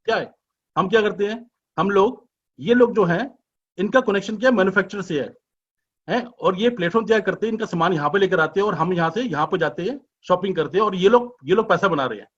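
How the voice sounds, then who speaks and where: A man giving a business presentation as an informal sales pitch, chatty and persuasive, full of rhetorical questions and teasing asides. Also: quick pace, fairly bright tone, breathy edge. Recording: dull lo-fi recording.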